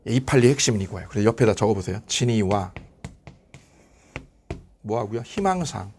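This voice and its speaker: A man teaching an exam-prep law class, asking quick questions and answering them himself. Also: lowish voice, a little hiss or hum. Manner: animated, asks and answers his own questions. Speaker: lecturer.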